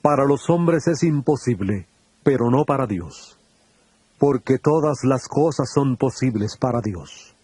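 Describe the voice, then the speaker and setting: A man with a medium-pitched, slightly rough voice portrays Jesus in a dramatized scripture reading, sounding like a calm and earnest teacher. He speaks solemnly and with measured pacing, and the recording has no echo.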